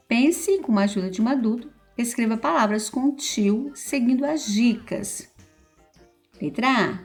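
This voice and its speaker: Brazilian woman teacher, patient, drawn-out key words, soft music under it. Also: medium pitch. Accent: Brazilian Portuguese. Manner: slow, patient, stretches key words, often adds "então" and "ó". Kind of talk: correcting school exercises aloud.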